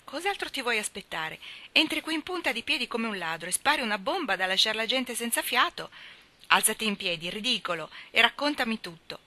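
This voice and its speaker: A woman reading a novel aloud, voicing a lively, outspoken young woman who exclaims and teases. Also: a little high, a little fast, pitched above the performer's own voice, exaggerated voice. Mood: astonished, teasing. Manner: exclaiming, teasing. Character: lively young woman, blunt and warm-hearted.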